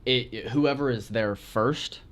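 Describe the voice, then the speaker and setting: A man's voice: medium pitch, measured pace, fairly bright tone, slight background noise. A man acting as game master, narrating scenes and explaining rules in a plain, matter-of-fact way.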